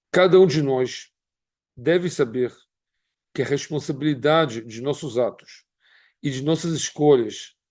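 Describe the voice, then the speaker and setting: Fifties rabbi, Carioca accent, measured and earnest testimony, dry close sound. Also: male voice, on the high side, a little mellow, no room sound. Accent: Carioca Brazilian Portuguese. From Brazil. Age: 50s. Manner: measured, earnest, pauses often between phrases. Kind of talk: personal testimony.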